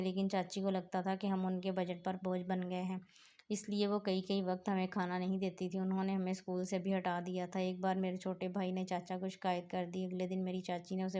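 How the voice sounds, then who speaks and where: Woman doing a grieving orphan girl from a storybook; pleading, mellow and flat. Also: fairly low pitch, natural voice. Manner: tearful, pleading.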